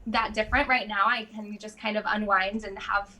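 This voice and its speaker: A woman guest in casual conversation, chatty and quick to laugh, with lots of fillers. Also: medium pitch, steady tone, bright, forceful tone. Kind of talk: casual chat.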